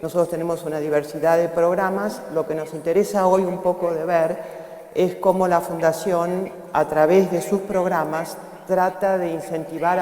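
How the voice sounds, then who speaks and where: An older Argentine woman, a foundation director, speaks on a conference panel in a low, warm voice. She hesitates often, searching for words, and the hall is echoey with long reverb.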